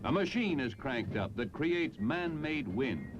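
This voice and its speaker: On a muffled old film soundtrack, an American man with a medium-pitched voice delivers scripted military newsreel narration from the 1950s-60s over music. He is unhurried, yet jaunty and polished like an announcer, with big pitch swings.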